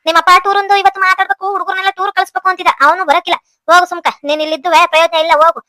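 A woman's voice: very high-pitched, flat delivery, sharp tone, dry recording, clean studio sound. A woman voicing quarrelsome village women in a cartoon, scolding with a North Karnataka Kannada accent. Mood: bossy. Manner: scolding, rapid-fire quarrelling. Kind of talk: cartoon voice acting.

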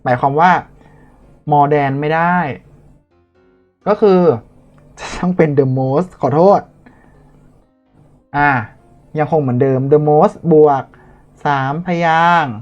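A man's voice: a little high, slow pace, pauses often, a little mellow. A man tutoring students in a chatty, playful way, talking through each answer and correcting his own slips. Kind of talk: online tutoring lesson. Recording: dull lo-fi audio with faint music.

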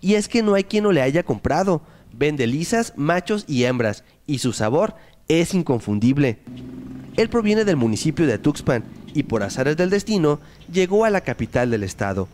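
Lively-voiced male news narrator. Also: on the high side, moderate pace. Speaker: news reporter.

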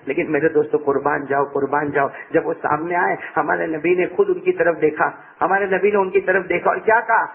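A man preaching an emotional sermon who tells a story, repeats his phrases and calls on the audience to answer, swinging between hushed low passages and raised pleading ones. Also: fairly even intonation, vocal fry, few pauses, slight background noise. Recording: tinny lo-fi sound.

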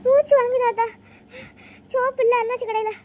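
Squeaky, eager cartoon kid sister who blurts news out fast, voiced by one performer. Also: fairly even intonation. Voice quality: very high-pitched, squeaky. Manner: eager, breathless reporting. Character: chatty little village girl, the younger sister. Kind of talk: cartoon voice acting.

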